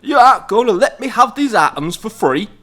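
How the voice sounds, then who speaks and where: A man's voice: sits high, big pitch swings, fairly quick, pushed and bright, voice pushed up, exaggerated voice. A man doing a sleazy Yorkshire charmer. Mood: smarmy. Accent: put-on Yorkshire. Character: sleazy middle-aged man trying to charm.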